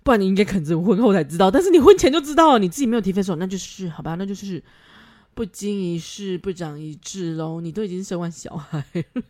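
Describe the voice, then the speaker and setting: Woman host, pitch that swings widely, frank and foul-mouthed, quick to laugh. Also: animated, darkish tone. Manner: blunt, swears freely, laughs often. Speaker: podcast host. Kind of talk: casual advice chat.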